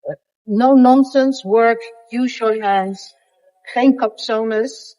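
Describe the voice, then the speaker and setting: A man's voice: extremely high pitch, takes it slowly, warm tone, low-quality recording. An older man giving blunt answers in a street interview, repeating words as he gathers his thoughts.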